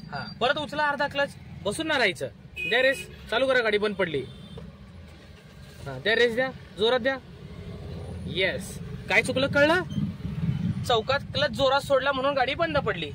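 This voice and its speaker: A man giving a driving lesson from the passenger seat, calling out brisk step-by-step commands. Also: very high voice, lively intonation, noisy background. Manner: instructive, repeats steps, brisk commands. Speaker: driving instructor. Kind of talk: in-car driving lesson vlog. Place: inside a car in city traffic.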